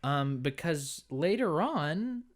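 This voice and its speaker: A man co-hosting a podcast in casual chat, relaxed and quick to agree and chuckle. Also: a little high. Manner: laid-back, frequent agreeing "yeah", laughs along. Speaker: podcast co-host.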